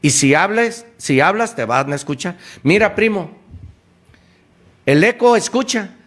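A man's voice: high-pitched, expressive, unhurried, a bit bright. A man giving a motivational talk, driving points home with emphatic, repeated exhortations. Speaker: motivational speaker.

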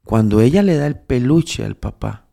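In a dark, creaky voice of medium pitch, a devout storyteller gives spiritual counsel through a moral tale, speaking casually with many restarts and rising into emphatic preaching. His intonation is lively and his pace normal.

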